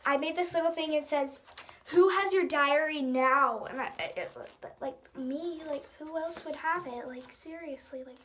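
Girl aged ten, high voice, casual vlog chat, reading aloud, giggly, self-mocking, dramatic, home recording. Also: normal speed, a bit bright. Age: child, ten years old. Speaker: young vlogger. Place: small room at home, indoors.

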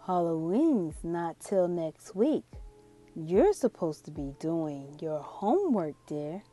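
A woman's voice: fairly low pitch, big pitch swings, dark tone, faint music behind, voice pushed down, exaggerated voice. A woman voicing a storybook mother frog who chides with amused, emphatic delivery. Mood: scolding. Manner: chiding, slow and emphatic.

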